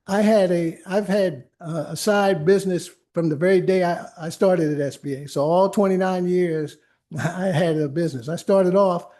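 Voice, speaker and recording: A man's voice: high voice, dark tone. An older man, an attorney, giving an informal library talk, telling stories in a chatty way with many restarts and asides. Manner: anecdotal, conversational, frequent restarts and asides. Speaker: attorney and workshop presenter. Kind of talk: informal lecture with personal stories. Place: library meeting room.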